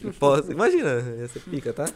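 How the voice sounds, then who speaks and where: A man's voice: a little high, huge pitch swings, fast, slight background noise. A man co-hosting a casual chat, slangy and swearing, laughing often. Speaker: podcast co-host.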